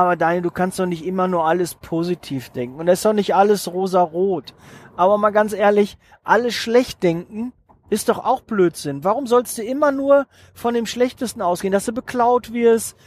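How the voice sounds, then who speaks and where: A man's voice: high-pitched, dry recording. A middle-aged man hosting a motivational podcast, talking casually and emphatically with many fillers and restarts. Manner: acts out quoted doubters in his own voice. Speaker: podcast host.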